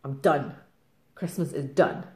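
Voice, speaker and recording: Casting note: middle-aged Scottish woman, low-pitched, rambling craft-vlog chatter, roomy echo. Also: darkish tone. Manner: rambling, fast-talking, laughs often. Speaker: craft vlogger. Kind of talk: casual chat to camera.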